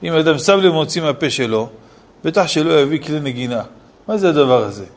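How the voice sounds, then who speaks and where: A man's voice: on the high side, lively intonation. A man, a city rabbi, giving a Torah lesson and firing off rhetorical questions with scolding asides. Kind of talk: Torah lesson on Selichot laws.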